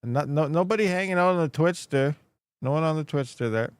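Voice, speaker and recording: A man hosting a casual, rambling live stream, speaking with slightly slurred, toothless diction and soft S sounds from a swollen mouth after having teeth pulled. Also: on the high side, fairly quick, smooth, no echo. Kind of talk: casual rambling livestream chat.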